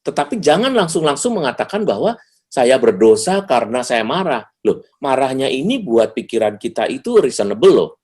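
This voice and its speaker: Animated man giving a seminar talk. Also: brisk. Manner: animated, acts out dialogue with jumps in pitch. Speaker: seminar speaker. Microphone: video call.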